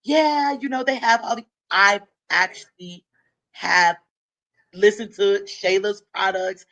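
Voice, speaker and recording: A woman hosting a casual interview show, reacting with excitable exclamations. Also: medium pitch, slow. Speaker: show host.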